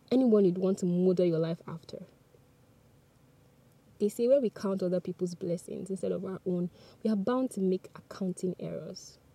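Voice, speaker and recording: Speaking to the listener directly, a woman whose first language is Yoruba gives an earnest, chatty, scripted motivational podcast talk. Her mid-range voice has a dark, slightly rough tone with vocal fry.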